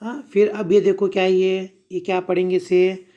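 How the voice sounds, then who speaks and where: A man's voice: sits high, little pitch movement, moderate pace, dark tone, muffled recording. A male teacher, patiently sounding out letters and asking the class to repeat words. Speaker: primary school Urdu teacher. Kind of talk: slow spelled-out reading lesson for children.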